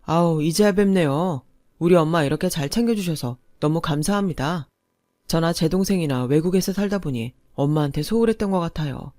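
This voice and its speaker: A woman's voice: deep voice, a little fast, warm tone, no echo, clean studio sound, close to an everyday voice. A woman voicing a polite, grateful son. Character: grateful, polite middle-aged son living abroad.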